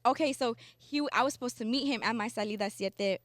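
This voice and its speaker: Blunt, fast-talking young woman. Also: fairly high pitch, dry recording. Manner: blunt, swears freely, fast and animated. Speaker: podcast co-host. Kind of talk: casual chat.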